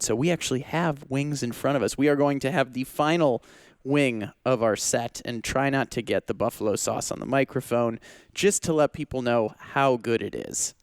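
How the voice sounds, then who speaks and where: Relaxed male podcast host in a bar. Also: medium pitch, no echo, studio quality. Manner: relaxed, jokey, talks while eating. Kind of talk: casual chat over food.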